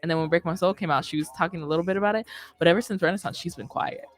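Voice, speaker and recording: Talking very fast in a lowish voice, this young adult radio host rambles informally and leans heavily on slang in a podcast-style chat. She's in an indoor studio hung with curtains, headset on, close to a boom-mounted studio microphone.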